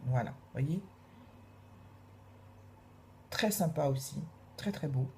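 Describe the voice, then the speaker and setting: A woman reviewing makeup in a casual, gushing way, repeating her praise and filling pauses with hesitations. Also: sits low, expressive, a little mellow, slight background noise. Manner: gushing, repeats praise words, many fillers. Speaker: beauty vlogger.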